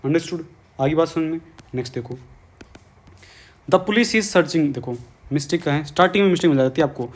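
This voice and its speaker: A man's voice: on the high side, very fast. Coaxing Hindi-accented male grammar teacher. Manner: coaxing, repeats questions to students. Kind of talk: exam-prep grammar lesson.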